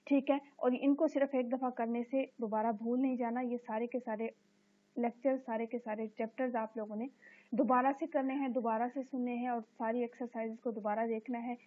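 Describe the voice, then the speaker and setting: A woman teacher walks through an exercise in a recorded lecture. She reads each English sentence slowly in a fairly high voice and keeps saying "okay" as she explains. The sound is thin and tinny, like a phone line. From Pakistan.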